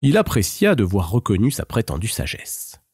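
A man narrating a fairy tale in a measured, expressive storybook style. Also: lowish voice, slightly rough, no room sound, clean studio sound.

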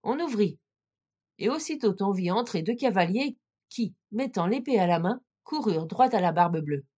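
A woman's voice: medium pitch, slightly rough. Woman reading a classic fairy tale. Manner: measured, expressive narration. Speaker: storyteller.

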